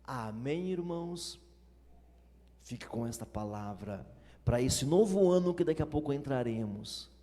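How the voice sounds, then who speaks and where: Brazilian male pastor, emphatic sermon delivery, ringing church hall reverb, wide swings in pitch. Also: lively intonation, a little slow, dark tone. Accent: Brazilian Portuguese. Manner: emphatic preaching with rhetorical questions and repetition.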